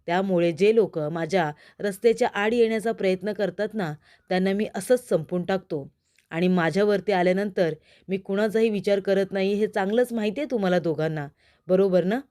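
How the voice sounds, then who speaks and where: A smug, menacing male villain from a TV serial who taunts his rivals, read aloud by a woman. His delivery is gloating and mocking. The voice stays soft and mellow. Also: medium pitch, fairly quick, natural voice.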